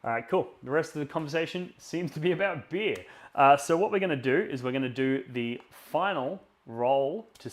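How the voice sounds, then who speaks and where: Male live stream host, mid-range voice, informal and opinionated, chatty explainer delivery. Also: medium pitch. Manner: informal, opinionated, thinking aloud. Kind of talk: casual live stream chat, explaining tabletop game tactics and running a giveaway.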